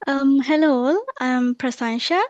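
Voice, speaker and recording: A woman's voice: high voice, unhurried, a little mellow, no room sound, lo-fi sound. A woman from Sri Lanka introducing herself in a light, friendly way. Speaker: student ambassador. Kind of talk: self-introduction. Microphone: video call.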